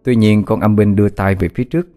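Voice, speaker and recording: A man's voice: lowish voice, fairly even intonation, fast talker, dark tone, soft background music. A man narrating a horror story in a dramatic, suspenseful way.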